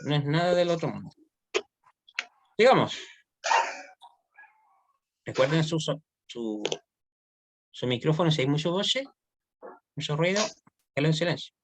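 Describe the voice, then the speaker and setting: A man's voice: on the high side, expressive, unhurried, long pauses, no echo. A man teaching an online Hebrew grammar class, explaining step by step and often checking that students follow.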